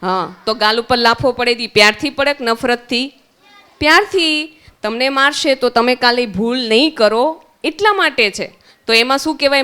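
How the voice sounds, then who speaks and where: A woman's voice: a little high, bright, forceful tone, clear, resonant tone. A woman with a Gujarati accent, teaching young children at a summer camp, asking them questions and answering them herself. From Gujarat, India.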